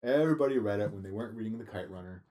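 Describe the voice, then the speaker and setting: Halting man in casual chat. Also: fairly low pitch, warm tone. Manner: halting, many fillers and restarts. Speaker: podcast co-host.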